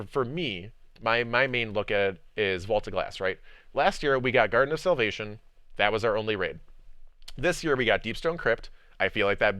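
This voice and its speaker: A man streamer chatting casually about a video game, rambling, repeating words and filling gaps with ums and likes, getting animated when making a point. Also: medium pitch, clear, resonant tone, dry recording. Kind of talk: casual livestream game discussion.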